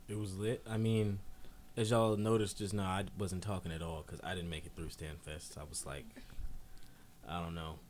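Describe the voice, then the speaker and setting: A young man in casual chat, laid-back and quiet. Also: deep voice, flat delivery, normal speed, a little hiss or hum. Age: young adult.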